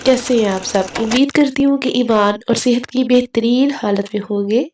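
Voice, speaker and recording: A woman with a Pakistani Urdu accent who teaches Quran reading in an online lesson, talking with viewers in a chatty way and drilling syllables slowly. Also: fairly high pitch, darkish tone, echoey room, distant mic, a little hiss or hum, poor audio. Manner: chatty, keeps asking viewers to comment. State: has a cold.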